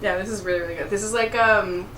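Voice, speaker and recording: A woman's voice: mid-range voice, steady tone, quick pace. A Canadian woman with a Canadian accent, a guest chatting over a meal, talkative and giggly with lots of fillers. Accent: Canadian English. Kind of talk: casual chat over a meal. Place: restaurant. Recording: echoey room, mic at a distance, faint noise.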